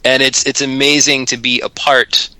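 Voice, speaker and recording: A man's voice: medium pitch, flat delivery, moderate pace, sharp tone, no echo, poor audio. A man co-hosting a radio talk show, speaking with enthusiasm and lots of fillers and repeated words. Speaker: radio co-host and volunteer. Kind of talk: casual talk radio chat.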